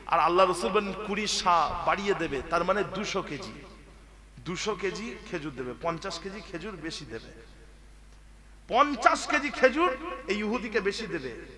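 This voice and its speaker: A man preaching a waz sermon who moves from a sing-song chant up to loud calls and retells stories by acting out the speakers' words. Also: high voice.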